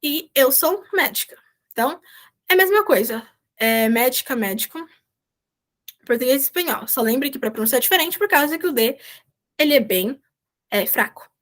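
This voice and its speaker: A woman's voice: sits high, expressive, moderate pace, pauses often, a bit bright. A woman, a volunteer teacher, explaining Spanish vocabulary in an online class and checking in with her students often. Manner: explains patiently, checks in with "certo?".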